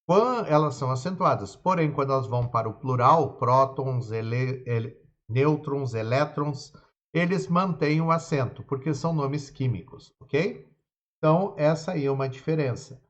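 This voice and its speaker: Teacher man in a very echoey room. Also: mid-range voice. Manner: explanatory, repeats "ok?" and "tá?" checks; spells out examples slowly, syllable by syllable. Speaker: Portuguese teacher. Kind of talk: grammar lesson for exam students. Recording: very echoey room, dull lo-fi sound.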